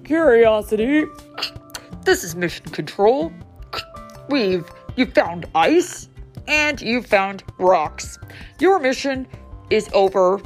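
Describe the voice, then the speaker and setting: A woman's voice: a little high, very animated, takes it slowly, long pauses, faint music behind. A woman voicing a mission control operator calling a rover over the radio, in clipped sci-fi communicator style while reading a storybook aloud. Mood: formal. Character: stern mission control radio caller, ground crew. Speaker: mother reading a picture book aloud.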